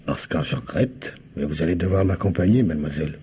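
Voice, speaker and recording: In a radio mystery drama, an actor plays a shrewd, courteous police commissioner who questions methodically with husky, politely insinuating speech. His voice is low and dark, and he talks fast. The mood is dry and firm.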